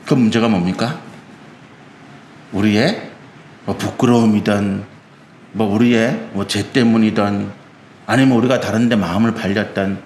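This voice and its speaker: A man's voice: lowish voice, steady tone, unhurried, pauses often, darkish tone, reverberant, slight background noise. A male pastor preaching a sermon, addressing the congregation directly and acting out God's words. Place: church sanctuary.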